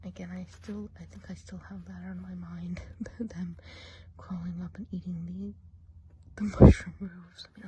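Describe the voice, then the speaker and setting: A woman with a medium-pitched, mostly whispered voice plays a gossipy witch of the woods in an ASMR role play, lightly acted over background noise. She whispers confidingly while giving an eye exam.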